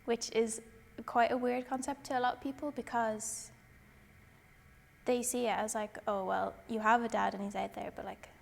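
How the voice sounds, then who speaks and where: A twenty-year-old woman speaking in a measured, matter-of-fact way in a documentary interview. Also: a little high, level tone, creaky, long reverb tail. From Ireland.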